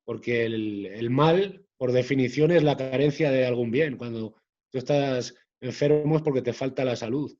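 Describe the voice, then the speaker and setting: A man, a guest author talking in an interview in a measured way, often restarting his phrases. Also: medium pitch, a little mellow, highs cut off. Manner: measured, hesitant with frequent restarts. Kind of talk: conversational interview.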